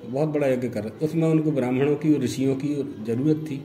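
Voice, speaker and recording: Older male storyteller, mellow low-toned delivery, echoey room with faint music under it. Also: fast. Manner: retells the tale with quoted dialogue, chuckling asides. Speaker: religious storyteller. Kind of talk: devotional scripture storytelling.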